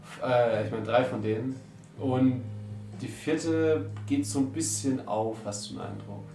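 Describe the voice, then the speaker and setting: A player in a tabletop role-playing game, describing details in a hesitant, low-key way. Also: unhurried, mellow, reverberant, recorded from a distance, soft background music. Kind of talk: tabletop role-play banter.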